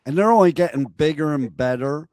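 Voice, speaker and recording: Male radio host, hoarse and worn-out voice, casual interview chat, close dry sound. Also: a little high, expressive, fairly quick, darkish tone, no room sound. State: hoarse, lost voice.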